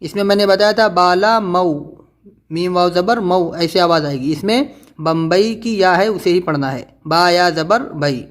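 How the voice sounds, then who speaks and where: A man teaching Quran reading, slowly spelling out syllables in patient, drawn-out drills. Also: high voice. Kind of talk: slow spelled-out recitation lesson.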